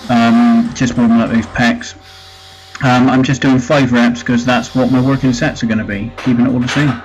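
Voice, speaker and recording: A man vlogging about his fitness routine in a relaxed, explanatory way, pausing often with ums. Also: mid-range voice, faint music behind, rough recording. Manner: relaxed, hesitant with frequent ums. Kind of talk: casual explanatory chat.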